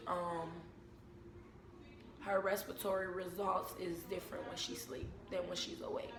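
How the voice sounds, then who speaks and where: A woman's voice: fairly low pitch, little pitch movement. Casual young American woman, echoey noisy room. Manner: informal, unhurried storytelling with repeated phrases. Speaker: vlogger and mother. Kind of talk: casual chat to camera. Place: indoors at home. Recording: echoey room with background noise.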